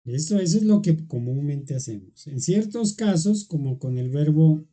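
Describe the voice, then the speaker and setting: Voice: medium pitch, expressive, moderate pace, dark tone. A teacher explaining grammar in an online class, going patiently step by step and checking in often with the students. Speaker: English teacher.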